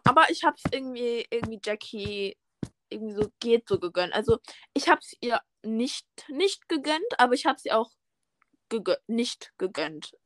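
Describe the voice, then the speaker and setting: A woman's voice: fairly high pitch, expressive, normal speed, dry recording. A teenage girl chatting casually with a friend, slangy and trailing off mid-thought. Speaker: podcast co-host. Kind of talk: casual chat between friends.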